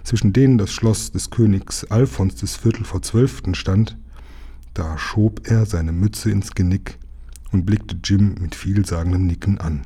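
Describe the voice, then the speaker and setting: A man narrating a children's storybook aloud in a calm, even reading. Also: sits low, a little slow, slightly rough. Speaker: audiobook reader.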